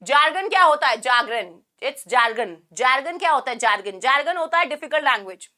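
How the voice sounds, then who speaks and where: A young woman with a sore throat teaching an online vocabulary class, joking and firing quick questions at her students. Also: sits high, big pitch swings, pushed and bright. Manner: playful, jokey, quizzing students with quick questions. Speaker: English teacher.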